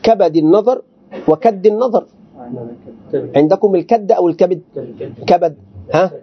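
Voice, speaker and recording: A man's voice: high-pitched, normal speed. A sheikh lectures a class on a classical text. He stops often to explain words and put questions to his students. The recording sounds dull and lo-fi. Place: teaching session with students present.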